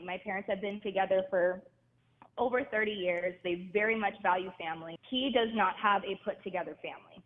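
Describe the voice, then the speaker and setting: A woman in her thirties calling in to a live talk show over the phone, explaining earnestly at length with lots of "like" and "you know". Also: mid-range voice. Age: 30s. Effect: heard over a phone line. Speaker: caller. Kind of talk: caller on a live call-in show. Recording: tinny phone line with long reverb.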